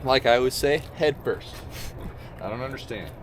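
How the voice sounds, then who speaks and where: A man's voice: medium pitch, moderate pace. A man chatting casually to camera in a vlog as he gears up to spearfish from a coastal jetty, upbeat and often laughing at himself, recorded on an action camera in a waterproof case. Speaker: spearfishing vlogger. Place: outdoors on a coastal jetty, getting ready to dive. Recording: noisy outdoor action-camera audio.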